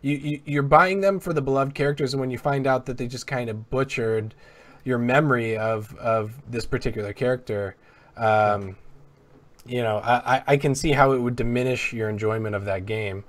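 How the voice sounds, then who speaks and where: A man's voice: mid-range voice, steady tone, moderate pace. A man hosting a casual chat show about video games. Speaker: host of a video game show.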